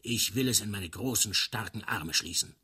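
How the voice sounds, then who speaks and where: A man's voice: fairly low pitch, moderate pace, bright, forceful tone, slightly rough, exaggerated voice. A man voicing a panicked young soldier who dreads going to war, pleading in a theatrical, long-winded way. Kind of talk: dramatic literary reading.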